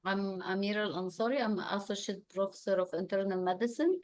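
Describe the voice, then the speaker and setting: A woman associate professor introducing herself quietly on a video call. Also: medium pitch, fairly quick.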